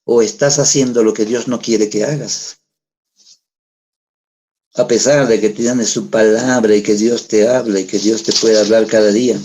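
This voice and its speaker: A man's voice: lowish voice, fairly even intonation, measured pace, a little mellow. A middle-aged man, preaching a sermon in a conversational way, asking the congregation rhetorical questions. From Peru. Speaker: pastor.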